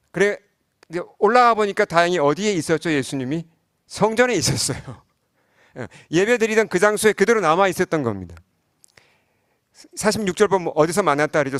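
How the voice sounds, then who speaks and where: Middle-aged male pastor, conversational sermon delivery, higher-pitched voice, dry close recording. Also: fairly bright tone, no echo. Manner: conversational preaching with frequent rhetorical questions to the congregation.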